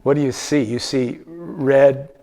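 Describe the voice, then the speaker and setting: A man's voice: mid-range voice, takes it slowly, warm tone. A man presenting a slideshow travel talk to a live audience, conversational, asking the room questions and often restarting his sentences.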